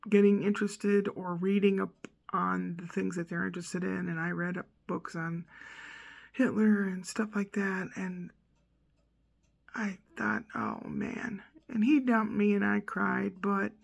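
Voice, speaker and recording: Woman, 60s, gravelly mid-pitched voice, blunt and rambling, casual emphatic rant. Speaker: vlogger.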